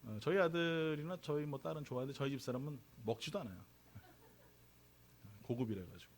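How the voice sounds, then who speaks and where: A man's voice: on the high side, a little fast. A man from Korea preaching a sermon as pastor of his church, chatty and joking, asking the congregation questions. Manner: conversational, jokey, draws responses from congregation. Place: church sanctuary.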